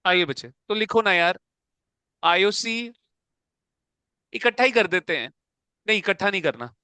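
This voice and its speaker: A man lectures in a classroom, his voice high and bright with a crisp, clean edge. He coaxes the students along and keeps asking if they follow. The sound is dry and close. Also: animated, measured pace, no echo. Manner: coaxing, calls students "beta", keeps asking if it is clear. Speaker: accounts teacher.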